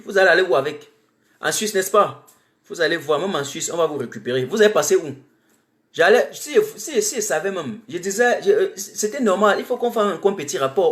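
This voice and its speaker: A woman from Cameroon, giving impassioned, defiant political commentary on a livestream and repeating phrases for emphasis. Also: lowish voice. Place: home in Germany. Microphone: webcam or phone mic on a livestream.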